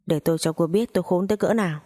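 A woman's voice: on the low side, very fast, warm tone, close to an everyday voice. A woman voicing a curt, harsh young husband. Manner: curt, commanding.

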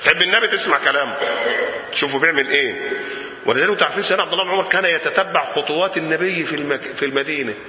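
Egyptian male preacher, high voice, roomy hall reverb, dull lo-fi recording, lively back-and-forth sermon. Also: rapid-fire, slight background noise. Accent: Egyptian Arabic. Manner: lively, swings from murmurs to shouts, asks the crowd questions. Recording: echoey hall, dull lo-fi sound.

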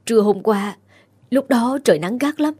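A woman voicing a frightened, kind-hearted young female cook who speaks in a shaky, hushed voice. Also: a little high, animated, normal speed, breathy edge. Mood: urgent hushed. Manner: trembling, hushed.

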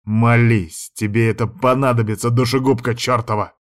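A man's voice: mid-range voice, fairly even intonation, normal speed, natural voice. Man voicing a snarling furious young man. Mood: contemptuous. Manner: snarling, hostile. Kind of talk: audiobook reading.

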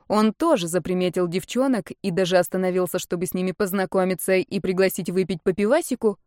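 A woman reading a story aloud in an even, expressive voice. Her pitch sits in the middle of the range. The room is dry and close. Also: dry recording. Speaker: narrator.

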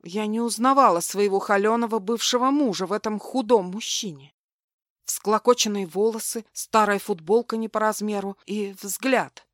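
A woman reading a first-person audiobook, with a hushed and tense storytelling manner. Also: medium pitch, moderate pace, no echo, clean studio sound. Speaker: narrator.

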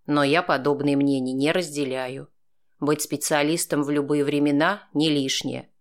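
A man narrating a first-person audiobook in a steady, dry, sardonic tone. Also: on the high side, normal speed.

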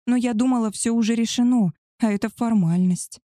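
A woman's voice: fairly high pitch, brisk, mellow, no room sound, clean studio sound, voice pushed up, natural voice. A woman voicing a spoiled, demanding young female werewolf in a spoken story, talking petulantly and with indignation. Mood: dejected.

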